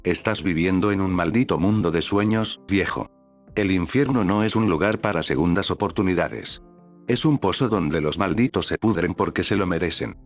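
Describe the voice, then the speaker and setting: Bitter cynical shadow guy, a man reading him, deep low voice, sneering. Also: moderate pace, soft background music. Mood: scornful. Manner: scornful, resentful, swearing.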